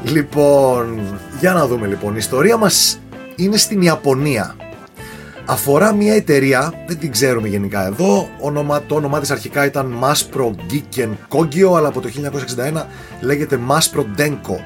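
A man telling a story in a casual podcast chat, animated and often tripping over foreign names. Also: medium pitch, soft background music.

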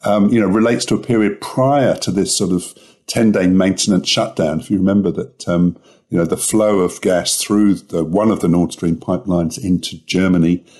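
A man giving market commentary as a guest analyst, halting with frequent ums and a rough first-thing-in-the-morning voice. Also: deep voice, steady tone, a little mellow. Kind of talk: casual expert commentary.

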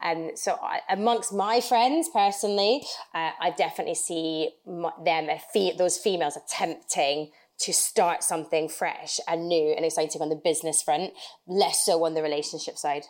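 A woman speaks at a slightly low pitch in a relaxed group conversation. She makes her points earnestly, leaning on them with emphasis. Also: normal speed. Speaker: guest. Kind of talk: casual discussion.

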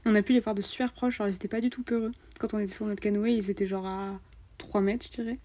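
A woman's voice: mid-range voice, steady tone, fast talker, warm tone. A young woman co-hosting a travel podcast, recounting the trip in enthusiastic, slangy casual chat. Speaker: podcast co-host.

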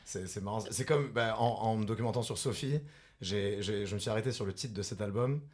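A man co-hosting a casual music chat, speaking softly and searching for his words. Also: fairly low pitch, a little fast, slightly rough. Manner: soft-spoken, searching for words. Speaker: podcast co-host.

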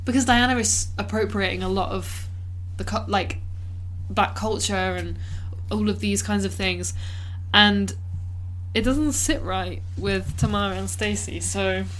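A woman's voice: mid-range voice, a little slow, fairly bright tone, slight background noise. A woman co-hosting a podcast, casually retelling a film's plot in a chatty way full of "like" and acted-out quotes. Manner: chatty, peppered with "like", acts out characters' lines. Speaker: podcast co-host. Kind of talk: casual film-review chat.

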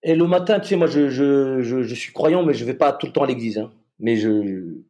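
A man, a soldier, telling a personal story in a halting way, with many repeated restarts. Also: medium pitch, mellow.

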